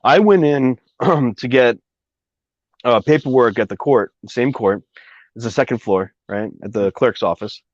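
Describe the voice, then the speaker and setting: A man's voice: medium pitch, a little slow, dry recording. A man casually telling a long personal story, rambling with many fillers and asides. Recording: dry, slightly dull recording.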